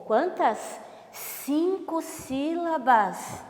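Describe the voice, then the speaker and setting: Woman teacher, slow and lively-pitched, asks and answers her own questions; long room reverb. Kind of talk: remote televised class lesson.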